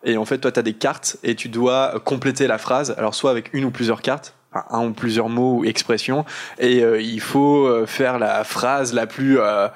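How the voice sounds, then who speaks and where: A man's voice: medium pitch, fairly even intonation, normal speed. A young man co-hosting a casual podcast, explaining things hesitantly with lots of fillers. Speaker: podcast co-host.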